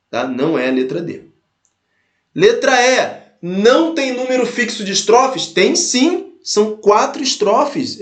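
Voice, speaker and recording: Guy teaching a prep class, high-ish voice, goes step by step, keeps checking in, roomy echo. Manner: explains step by step, repeats points, checks in with "tá?". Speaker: Portuguese teacher. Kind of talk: exam-prep lesson.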